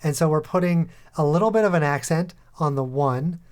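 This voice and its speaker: Calm man explaining music production. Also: a little high, fairly quick, clean tone. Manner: calm, methodical step-by-step explaining. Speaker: music production tutorial host. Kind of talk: tutorial voice-over over a screen recording.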